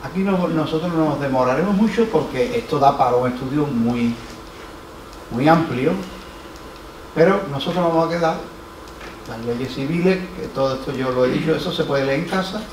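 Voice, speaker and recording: A male pastor with an Andalusian accent preaches, his voice a little higher than most men's. He tells stories and repeats his key lines for emphasis. He is heard from a distance in an echoey church hall with faint background noise. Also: moderate pace. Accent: Andalusian Spanish. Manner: storytelling, acts out quoted voices, emphatic repetition. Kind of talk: sermon. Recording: roomy, from far off, faint noise.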